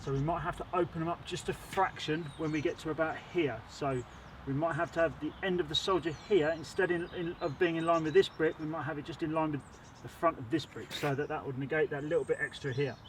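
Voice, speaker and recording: A man with a sore throat and a slightly high voice talks fast with fairly even intonation, teaching bricklaying on site for his channel. He's chatty and rambling, admits he waffles, and there's slight background noise.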